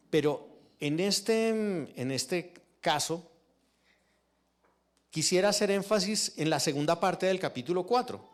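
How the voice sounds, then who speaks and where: A male pastor preaches in a church, his voice sitting a little high. He speaks slowly and deliberately, posing question after question to the congregation. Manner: teaching with rhetorical questions to the congregation. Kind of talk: sermon.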